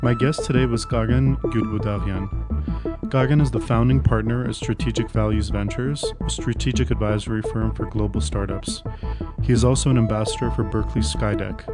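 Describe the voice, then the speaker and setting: A man with a fairly low voice hosts a podcast, reading his introduction and then asking brief, polite questions. Loud instrumental music plays behind him. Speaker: podcast host and editor. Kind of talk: scripted intro, then interviewing.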